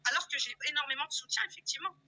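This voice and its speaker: High, sharp-voiced woman ranting loudly. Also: racing, poor audio. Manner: loud-mouthed, insulting, confrontational; repetitive, emphatic, addresses viewers directly. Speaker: YouTube live streamer. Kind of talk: heated live-stream rant.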